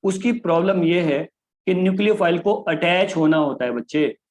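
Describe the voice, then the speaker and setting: A man giving a chemistry lecture, often calling his students "kids" and switching between Hindi and English. He slows down deliberately to spell out key phrases. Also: high voice, darkish tone, low-quality recording. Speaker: chemistry teacher. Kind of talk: classroom lecture.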